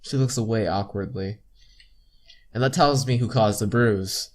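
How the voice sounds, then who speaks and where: Reading a visual novel aloud for a gameplay video, this young man adds chatty comments and stumbles now and then. He speaks a little slowly in a voice on the low side.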